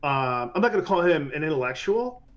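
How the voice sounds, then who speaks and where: A man's voice: a little high, a little fast. Chatty man with muffled, lo-fi sound. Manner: animated, restarts often, mimics people in quotes. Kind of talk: casual podcast conversation.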